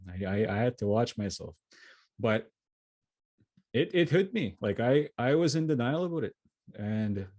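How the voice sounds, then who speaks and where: In a dry recording, a mid-range male voice answers questions during a motivational keynote given over a video call from his home setup. His tone is earnest, and he frequently restarts and repeats words.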